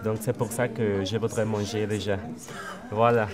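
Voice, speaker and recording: A young man from Mexico, a Spanish speaker, introducing himself in hesitant French with many pauses and fillers. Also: fairly low pitch, little pitch movement, a crowd in the background. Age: young adult. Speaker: student visitor. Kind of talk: casual self-introduction to camera.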